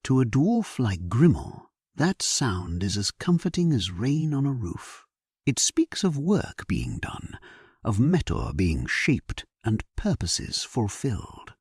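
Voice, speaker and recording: A man narrating a bedtime sleep story in a gentle, hushed, soothing way. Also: mid-range voice, big pitch swings, slow, slightly rough, no echo, clean studio sound.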